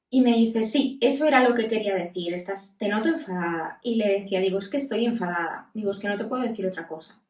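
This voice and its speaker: A woman in her thirties talks as a psychologist, calm and candid, often pausing to find her words. Her voice rings in a roomy space, picked up from a little distance. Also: mid-range voice. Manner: calm, candid, with many pauses. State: voice breaking with emotion. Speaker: psychologist and podcast host. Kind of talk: reflective self-help talk. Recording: roomy echo, mic at a distance.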